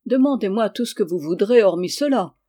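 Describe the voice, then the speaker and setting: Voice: mid-range voice, normal speed, dark tone, natural voice. A reader voicing a scheming medieval French king in an audiobook, protesting and wheedling, then turning curt. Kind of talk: audiobook character reading.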